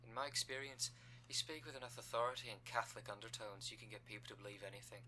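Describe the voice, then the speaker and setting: A man voices a scheming female cult recruiter in an audio roleplay, smug and formally polite in a businesslike way, with dry condescension. He talks fast in a lowish, pushed, bright voice, and there's a little hiss or hum in the recording.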